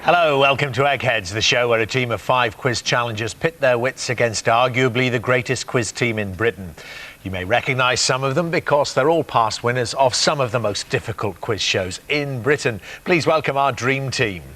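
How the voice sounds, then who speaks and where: Brisk male quiz show host. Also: medium pitch, sharp tone. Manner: brisk, upbeat, with frequent "uh" fillers. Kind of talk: television quiz hosting. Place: television studio.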